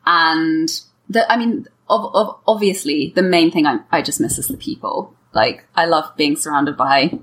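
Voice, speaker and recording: A woman's voice: sits low, a little slow, a bit bright. A woman in her thirties with an English Home Counties accent, chatting informally as an interview guest. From Kent, England. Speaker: podcast guest. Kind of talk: casual conversational interview.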